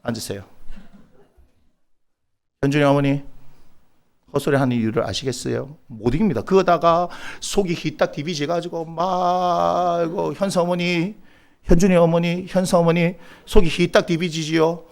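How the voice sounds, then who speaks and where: A man's voice: a little high, steady tone, normal speed, creaky. A middle-aged Korean pastor with a Gyeongsang accent preaching a sermon, teasing his congregation by name and bursting into mock exasperation.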